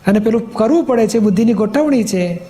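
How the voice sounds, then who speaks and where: A man's voice: sits high, animated, quick pace, warm tone. A man, a spiritual teacher, patiently explaining in a question-and-answer talk, often checking that he is understood.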